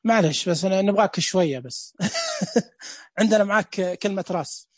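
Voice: mid-range voice, normal speed, darkish tone, no room sound, clean studio sound. Playful teacher. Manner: playful, jokes with viewers, repeats counts. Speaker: Braille teacher. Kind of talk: casual live online lesson.

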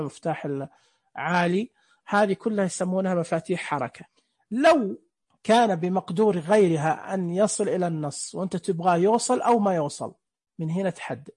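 Husky-voiced man teaching screen reader settings. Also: high-pitched, a little mellow. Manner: explains step by step, asks the listeners questions. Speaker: instructor. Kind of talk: screen reader software tutorial.

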